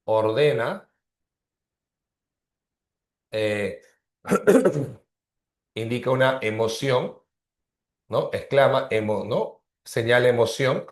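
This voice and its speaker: A man teaches a grammar lesson at an unhurried, deliberate pace, repeating each term and tagging his points with quick checks. His voice sits at a middle pitch and carries the echo of a roomy space. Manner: explains slowly, repeats terms, frequent "¿no?". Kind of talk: online grammar class.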